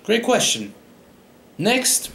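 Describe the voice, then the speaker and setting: A man's voice: high voice, wildly swooping pitch, very slow, creaky, fairly bright tone, slight background noise. A young man in a mock press conference, playing a coach who gives cocky, defensive, rambling answers into a close studio microphone in a small room. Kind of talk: comedic parody press conference. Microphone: large studio microphone close up.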